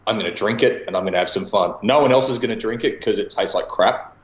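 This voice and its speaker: Young Aussie guy, low voice, relaxed drawl, echoey room on a video call. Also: fast. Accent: Australian. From Australia. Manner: laid-back, laughs often, swears casually. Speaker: guest homebrewer. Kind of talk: casual chat over a video call.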